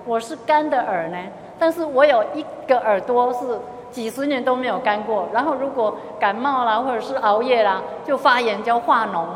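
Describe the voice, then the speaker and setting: A woman's voice: on the high side, moderate pace, few pauses, reverberant, in a large hall, slight background noise. A middle-aged woman with a Taiwanese accent, a lay Buddhist speaker telling a gathering about her experiences and slipping into Hokkien phrases. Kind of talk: testimony talk to a gathering.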